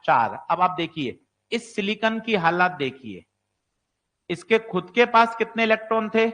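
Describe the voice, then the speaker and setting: In an exam-prep physics lecture, a man with a high, slightly bright voice rapid-fires questions at his students and then answers them himself. Every so often he slips into the student's role to voice a doubt.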